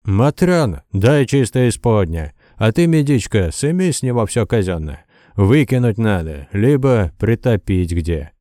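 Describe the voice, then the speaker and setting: A gruff old village man with a bushy beard talks bluntly in folksy country speech, as a man voices him. The voice sits somewhat raised over a dark, dry audiobook read. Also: on the low side, big pitch swings, measured pace, dry recording.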